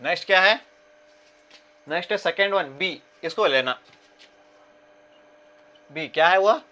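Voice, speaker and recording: A man with a Kannada-region Indian English accent teaches commerce in a fairly high voice. He keeps asking his class questions and repeating key terms, slowing down whenever he reads a problem aloud in English. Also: bright, forceful tone. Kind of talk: classroom lecture.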